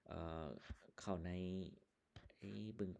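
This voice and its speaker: A male English teacher with a Lao accent, slowly explaining vocabulary and sample answers in a casual online lesson, with plenty of fillers. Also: a little mellow. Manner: slow, explaining words one by one with many fillers.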